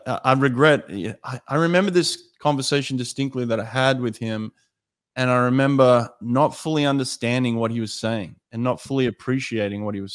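A man's voice: medium pitch, dry recording, studio quality. A man in his fifties hosting a podcast in a casual, reflective conversational style. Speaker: podcast host. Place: small home studio indoors. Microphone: close boom-arm podcast microphone, headphones.

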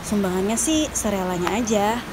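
A woman's voice: medium pitch, lively intonation, moderate pace, very noisy. A young woman from Indonesia, chatting directly to her viewers as she narrates her travel vlog. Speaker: travel vlogger.

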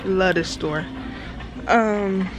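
A woman's voice: mid-range voice, extremely slow. A young woman in her twenties chatting to a handheld camera as she browses a large store, talking to herself about what to buy. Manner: chatty, talks to herself while shopping. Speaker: vlogger. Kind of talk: casual vlog narration. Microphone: handheld camera at arm's length. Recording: music playing in the background.

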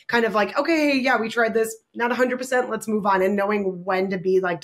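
A woman photographer speaks in a chatty, animated way, with lots of "like" and "you know." She keeps the tone conversational and open as she trades views with the host. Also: mid-range voice. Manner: animated, chatty, filler-heavy. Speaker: photographer, guest. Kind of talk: casual conversation.

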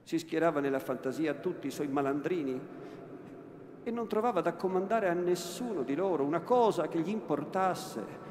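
A man's voice: on the high side, lively intonation, a little mellow. Man declaiming in a vast cathedral. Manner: slow, declaiming, repeating words for weight. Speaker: actor reading a novel. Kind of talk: dramatic literary reading. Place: large cathedral. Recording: echoey cathedral, long reverb, faint room noise.

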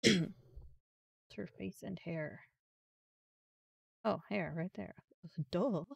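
A woman's voice: fairly low pitch, very slow, creaky, slightly rough, no echo, distant mic, dull audio. A young woman streaming a game, chatting casually and thinking aloud as she goes, with the odd swear word. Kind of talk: casual live-stream commentary.

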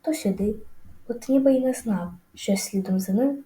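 Woman narrator for a kids' audiobook, mellow, highish voice, lively reading, roomy echo. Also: moderate pace. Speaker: audiobook reader. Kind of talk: storybook narration.

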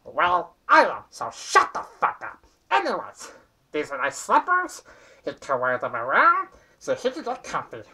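A young man voicing a grumpy, foul-mouthed little toy penguin with a raspy, abrasive delivery. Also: fairly high pitch, huge pitch swings, a little slow, pushed and bright, full character voice. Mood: excited, defensive. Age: young adult. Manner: abrasive, sarcastic swearing. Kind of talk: amateur puppet comedy skit. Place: small bedroom indoors.

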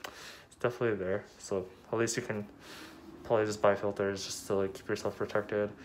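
A man's voice: fairly low pitch, level tone, fairly quick, a little hiss or hum. A man reviewing a product in a casual, rambling way, speaking through a cloth mask. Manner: rambling, lots of fillers.

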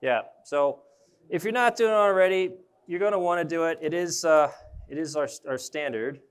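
A man's voice: on the high side, moderate pace, smooth. A young man, an arborist trainer, giving a casual live demonstration at an indoor trade show booth and thinking aloud as he handles his gear.

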